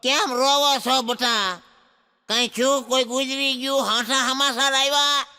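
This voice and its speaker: A guy doing a worried old mother-in-law, squeaky bright voice, echoey hall. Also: steady tone, smooth, full character voice. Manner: anxious rapid questioning. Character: fussing old mother-in-law questioning her daughter-in-law.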